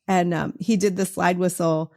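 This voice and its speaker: A woman from the US East Coast with a Boston accent, hosting a podcast in a relaxed, reflective conversational way. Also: on the low side, moderate pace. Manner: relaxed, reflective, many fillers. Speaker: podcast host. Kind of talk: conversational interview.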